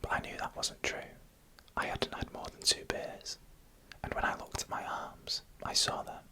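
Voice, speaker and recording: Eerie tales are whispered right up against the microphone in a breathy, voiceless ASMR style, with a slow, suspense-building delivery.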